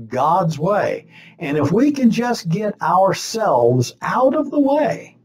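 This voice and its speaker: Older male pastor, webcam sermon, slow measured delivery with a swooping, animated pitch. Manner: slow, deliberate preaching with lively rising and falling pitch. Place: small chapel set with stained-glass backdrop, indoors. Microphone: webcam facing him at desk distance.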